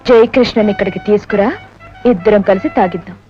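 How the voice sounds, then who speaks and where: A woman's voice: medium pitch, fast, lightly acted. Actress as crafty rich young woman, coaxing tone, lo-fi film audio. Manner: coaxing, persuasive. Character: scheming well-off young woman. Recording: dull film soundtrack with music.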